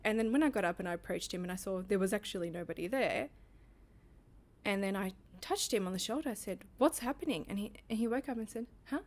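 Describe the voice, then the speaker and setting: Animated woman telling a story. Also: medium pitch, fast. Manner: animated storyteller, laughs often. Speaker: podcast co-host. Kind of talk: casual storytelling chat.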